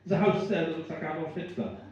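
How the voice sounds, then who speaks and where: A man's voice: on the high side, animated, fast talker, a little mellow, lo-fi sound. A man with a Swansea Welsh accent doing stand-up, rambling, self-deprecating and sweary as he banters with the audience. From Swansea, Wales. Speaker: stand-up comedian. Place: live comedy venue with small audience. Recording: very echoey room, distant mic.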